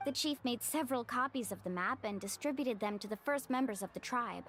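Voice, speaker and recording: A woman's voice: fairly high pitch, a little fast, crowd noise, close to an everyday voice. A woman voicing an upbeat, earnest young female tour guide in a video game.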